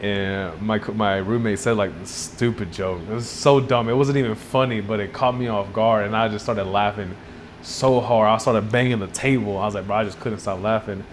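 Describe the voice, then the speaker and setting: A young man with a Texan accent, back from a trip, co-hosts a casual podcast chat, rambling through stories with frequent laughs and acted-out quotes. His lowish voice is steady at normal speed, with a little hiss or hum in the recording.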